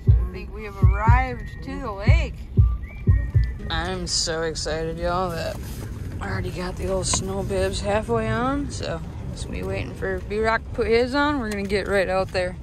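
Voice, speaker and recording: A man hosting a fishing vlog, talking casually and excitedly with lots of slang, outdoors on a frozen lake. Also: high voice, a little slow, over music. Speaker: fishing vlogger. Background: wind noise.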